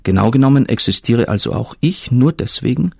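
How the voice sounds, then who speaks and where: A man voicing an ancient, patient, all-knowing river spirit in a storybook reading, speaking in a solemn murmur with a husky tone. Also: medium pitch, expressive, brisk, a little mellow, dry recording, studio quality.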